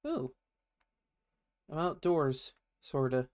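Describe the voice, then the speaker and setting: A man's voice: on the high side, extremely slow. A man streaming a horror game, giving wry, playful casual commentary and reading bits of on-screen text aloud to himself.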